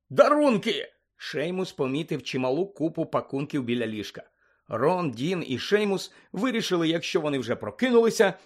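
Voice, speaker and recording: A man reading a children's fantasy novel aloud, acting out each character's lines with lively expression. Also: on the high side. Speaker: narrator. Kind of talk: audiobook reading.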